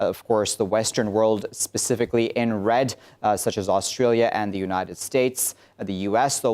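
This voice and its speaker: A man's voice: fairly low pitch, darkish tone. A man hosting a news panel, introducing guests and putting questions to them, with frequent fillers and restarts. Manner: hesitant, many fillers and restarts. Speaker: news show host. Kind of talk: moderating a panel discussion.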